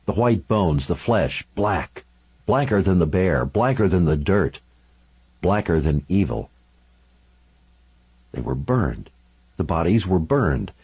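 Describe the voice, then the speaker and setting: A man narrating a first-person audiobook with a very deep, dark and husky voice. His delivery is intense and dramatic, rising and falling widely in pitch. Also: poor audio.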